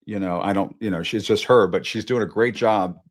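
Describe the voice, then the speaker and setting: A man in his fifties hosts a live political show. He talks in a slightly low voice, conversational but punchy, and curses now and then for emphasis. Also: brisk. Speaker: host. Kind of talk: live news show sign-off. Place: Washington studio.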